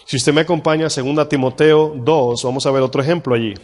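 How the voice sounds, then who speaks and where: Male pastor mid-sermon, reads verses slowly with weight; church hall reverb. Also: a little high, steady tone, darkish tone. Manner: asks the congregation questions, reads scripture slowly.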